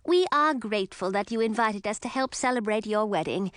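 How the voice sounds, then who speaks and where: A woman voicing a polite, formal female fairy envoy who speaks in a measured, courteous way. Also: medium pitch, expressive, no room sound, studio quality, close to an everyday voice. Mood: apologetic.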